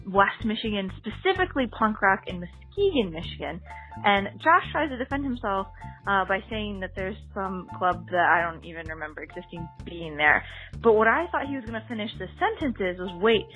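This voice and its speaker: A woman's voice: medium pitch, bright, forceful tone, lo-fi sound. A woman leaving a call-in message for a podcast, rambling with many fillers. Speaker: caller and guest.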